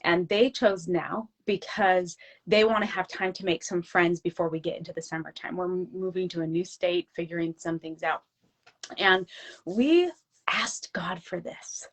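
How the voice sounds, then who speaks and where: A woman's voice: fairly low pitch, little pitch movement, normal speed, few pauses. A woman in her forties, a guest in an interview, talking in an earnest, heartfelt way. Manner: earnest, heartfelt, talks about faith. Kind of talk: casual interview chat.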